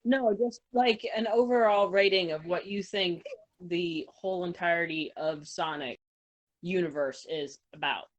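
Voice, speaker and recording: A woman's voice: on the low side, a little slow, low-quality recording. A woman guest chatting casually, asking questions somewhat hesitantly. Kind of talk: casual podcast chat.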